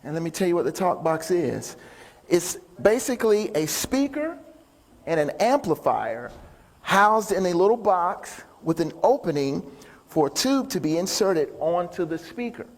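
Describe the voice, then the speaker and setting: A high-pitched male voice with big swings in pitch and a slightly slow pace carries this folksy, upbeat live talk. The man, a motivational speaker and musician, banters with the audience on a large indoor stage, and the hall's reverb comes through.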